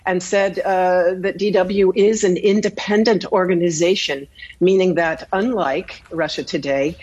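A woman political correspondent speaks in a live news interview with a husky, slightly breathy voice. She talks in a measured way, pausing often on fillers as she lays out the facts. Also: fairly low pitch. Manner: measured, many filler pauses.

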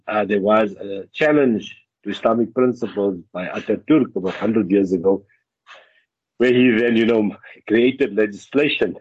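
A man with a South African Indian accent talks as an attorney guest on radio, deliberately, repeating and building on his phrases. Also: fairly low pitch, a little mellow, slightly rough, no echo. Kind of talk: conversational radio interview. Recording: dull, lo-fi radio link.

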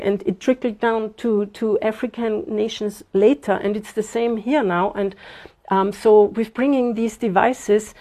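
A woman's voice: fairly high pitch, dark tone. A woman in her fifties, from Austria, speaking as an interview guest, earnest and thoughtful with frequent fillers. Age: 50s. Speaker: guest, bitcoin advocate. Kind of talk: casual interview talk.

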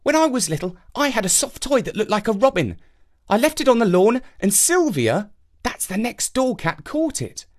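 A man's voice: high voice, sing-song, normal speed, pitched above the performer's own voice. A man voicing a curious, eager young boy who chatters on.

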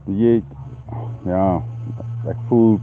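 A man's voice: low-pitched, a little hiss or hum. Tinny phone call from Afrikaans South African man. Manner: halting, plain-spoken. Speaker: phone-in caller, parent. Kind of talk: casual phone-in account. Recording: narrow tinny phone line.

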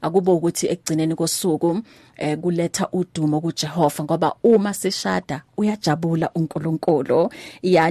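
A woman hosting a faith-based radio talk show, chatty and quick to laugh with her guests. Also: lowish voice, dark tone, no echo, studio quality.

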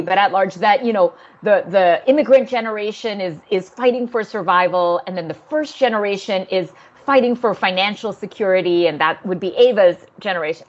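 A woman novelist from Singapore talks through her writing in a thoughtful, conversational way. Her voice sits mid-range, and she laughs lightly as she goes. The audio is dull and lo-fi, like a remote video call. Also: mid-range voice. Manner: thoughtful, laughs often, many fillers. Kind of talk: conversational interview.

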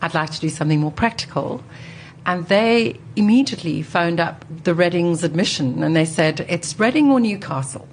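A woman in her sixties with a low voice is an interview guest, sharing personal stories articulately and reflectively, pausing to think along the way. She sounds animated. The recording is low quality, with a little hiss or hum.

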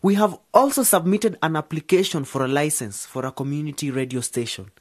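A man's voice: a little high, fairly quick, no echo, studio quality, close to an everyday voice. An actor playing a nervous, clumsy young man who stumbles over his words in a radio drama. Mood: flustered.

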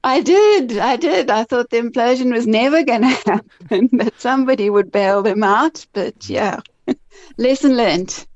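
A woman's voice: on the high side, a little slow, darkish tone, lo-fi sound. A woman from Africa, an investment professional answering interview questions in a chatty way. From South Africa. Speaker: guest, chief investment officer.

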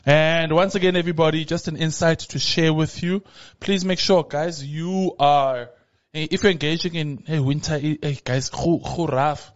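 A man's voice: a little high, steady tone, moderate pace, lo-fi sound. A man in his thirties with a South African accent, chatting playfully and boastfully as a podcast co-host, a little rambling. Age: 30s. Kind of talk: casual chat.

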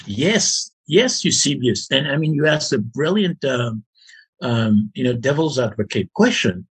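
A man's voice: medium pitch, animated, unhurried, breathy edge. A man explaining his argument as an interview guest, emphatic and repeating his points for stress.

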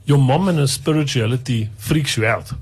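A man in a casual faith discussion, talking in an animated, colloquial and emphatic way with Afrikaans slang mixed in. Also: medium pitch, normal speed, breathy edge.

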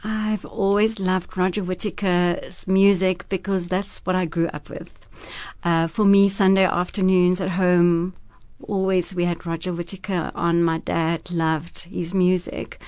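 Interviewed on radio, an actress and producer from South Africa, a native Afrikaans speaker, talks in an unhurried, lowish voice that is flat and darkish. There's no room sound. She comes across as earnest and thoughtful, restarting a few times.

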